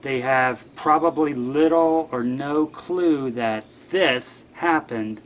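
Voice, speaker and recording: Laid back guy rambling wry stories as a guest host, mid pitch, some faint noise. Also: takes it slowly. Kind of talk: casual monologue.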